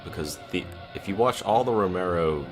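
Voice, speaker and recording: Very deep-voiced man commenting on a film. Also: lively intonation, moderate pace. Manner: chatty, opinionated. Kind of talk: casual movie commentary. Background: music playing loudly.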